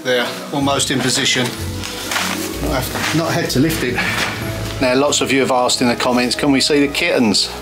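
A man's voice: mid-range voice, fairly even intonation, moderate pace, loud music behind the voice, poor audio. A man, chatting to viewers as he renovates a stone cottage indoors and in a cold garden. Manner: cheerful, talks to viewers as he works. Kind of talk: casual chatty narration while working.

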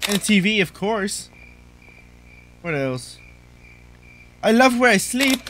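A man's voice: high-pitched, very animated, slow, pushed and bright, a little hiss or hum, low-quality recording. A young man giving goofy, jokey commentary while playing a horror game for his channel. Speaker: gaming channel host.

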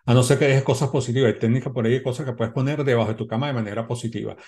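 Middle-aged guy talking to camera, gravelly low-key voice, keeps saying ok, explaining stuff step by step. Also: steady tone, rapid-fire, a little mellow. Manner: instructive, repeats points, checks in with "¿ok?". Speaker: self-help channel host. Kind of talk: direct-to-camera advice talk. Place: indoor room, seated before a window backdrop.

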